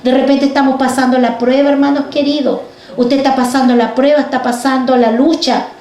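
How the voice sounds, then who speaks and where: High-voiced woman preaching in an echoey hall. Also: steady tone, brisk, darkish tone. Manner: fervent, addresses the congregation directly with rhetorical questions. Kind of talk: sermon. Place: church.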